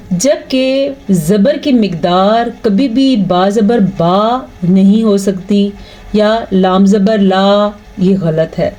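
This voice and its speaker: A woman with a mellow, warm voice gives a patient lesson on recitation rules. She keeps checking whether her listener understands. She drops into slow, stretched-out chanting to show how each sound should go. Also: mid-range voice. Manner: breaks into slow drawn-out recitation to demonstrate. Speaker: Quran recitation teacher. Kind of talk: explanatory tajweed lesson.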